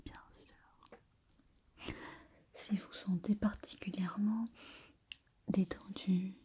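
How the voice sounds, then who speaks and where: A woman in a whispered role-play as a gentle sleep doctor, hushed and quiet as if at night, soothing and lulling as she softly repeats words. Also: mid-range voice. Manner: hushed, quiet night-time bedtime delivery.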